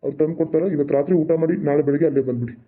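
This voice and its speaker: A man's voice: fairly high pitch, steady tone, very fast, phone-quality sound, lightly acted. A man voicing a stern, wealthy father-in-law in a cartoon, laying down rules in a commanding, condescending way.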